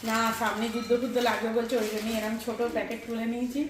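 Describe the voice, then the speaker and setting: A woman's voice: a little high, flat delivery, quick pace, background noise. A young woman with a West Bengal Bengali accent, chatting casually in a home vlog and showing items to the camera. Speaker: vlogger. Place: home, indoors. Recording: echoey room.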